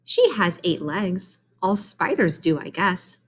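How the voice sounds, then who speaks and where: An earnest, chatty young farm girl from a storybook, voiced by a woman reading aloud. She is eager and matter-of-fact, with a lively, bouncing pitch. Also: slow pace, breathy edge, full character voice. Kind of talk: storybook character voice.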